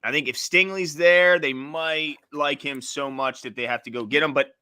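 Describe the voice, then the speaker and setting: A man's voice: a little high, fairly even intonation, moderate pace, pushed and bright, smooth, no echo, clean studio sound. A man co-hosting a live sports talk draft show, breaking down trades in an easygoing, joking way. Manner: easygoing, analytical, jokey. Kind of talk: casual draft-night chat. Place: studio.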